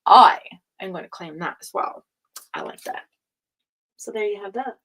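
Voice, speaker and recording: A woman's voice: medium pitch, animated, normal speed, fairly bright tone, slight background noise, rough recording. A tired woman hosting a casual tarot livestream, chatting with viewers and reading cards aloud, her speech a little slurred from a sore jaw. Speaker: tarot reader, livestream host.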